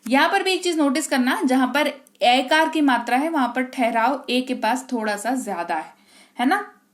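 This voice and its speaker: A woman teaching an English pronunciation class, drawing out example words slowly and quizzing her students with questions back to them. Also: high voice, lively intonation. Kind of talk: spoken phonics lesson.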